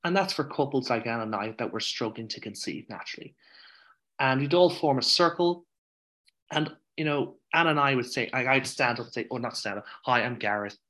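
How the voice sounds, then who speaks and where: An Irish man, a podcast guest, telling his own story in a frank, animated way, swearing freely and wandering off on tangents. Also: medium pitch, brisk. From Ireland. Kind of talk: candid conversational storytelling.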